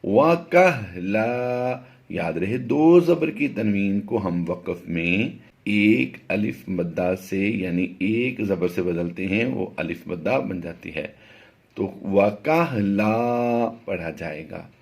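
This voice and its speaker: A man's voice: sits low, lively intonation, gravelly, a little mellow. Man teaching careful Quran recitation. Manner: slow, deliberate letter-by-letter spelling, drawn-out chanted recitation of verses. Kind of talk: tajweed lesson with recited examples.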